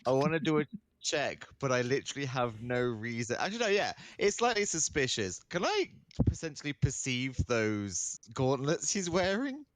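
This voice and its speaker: A man's voice: medium pitch, sing-song, normal speed, dry recording. A man chatting casually as a player in a tabletop role-playing game.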